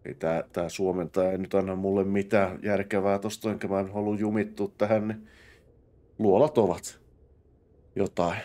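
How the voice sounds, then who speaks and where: Low-pitched and dark in tone, his delivery stays level. He's a young Finnish let's play host giving casual gameplay commentary, muttering to himself and breaking into exclamations during fights.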